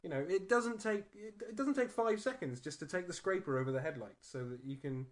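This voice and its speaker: A man's voice: high-pitched, fairly quick. Chatty man airing gripes. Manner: chatty, laughs easily, airs petty gripes. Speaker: podcast co-host. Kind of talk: casual chat.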